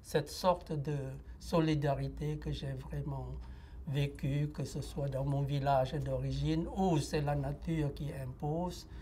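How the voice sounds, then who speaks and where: A Lao-man in his sixties gives a reflective testimony in an interview. His voice is mellow and his delivery slow and hesitant, full of pauses and filler sounds. Faint noise sits behind him. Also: a little high, steady tone. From Laos. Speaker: interviewee giving a personal testimony.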